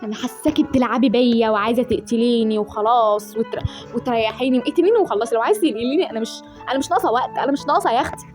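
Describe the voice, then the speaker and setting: A quick-talking woman with an Egyptian Arabic accent reacts to a video game, bantering with the characters in a playful, teasing way. Her voice sits a little high and she rattles through her lines. Faint game music plays underneath. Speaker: gaming channel host. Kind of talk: casual game reaction commentary.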